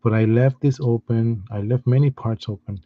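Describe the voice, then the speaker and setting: Soft-spoken man teaching drawing. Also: medium pitch, steady tone, normal speed, dry recording, highs cut off. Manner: patient, soft-spoken, with frequent restarts. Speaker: art teacher. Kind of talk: drawing lesson.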